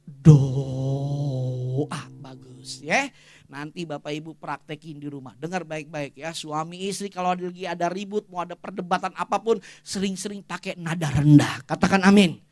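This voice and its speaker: A male pastor, preaching a lively, humorous sermon and leading the congregation in call-and-response. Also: high voice, brisk. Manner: energetic, jokes and leads call-and-response with congregation. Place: church service.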